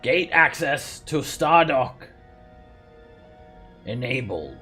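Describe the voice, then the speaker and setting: Man putting on an unearthly, drawn-out magical announcer. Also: mid-range voice, very animated, sharp tone, husky, faint music behind, pitched above the performer's own voice, heavily acted. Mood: solemn, booming. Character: magical disembodied male voice announcing gate access.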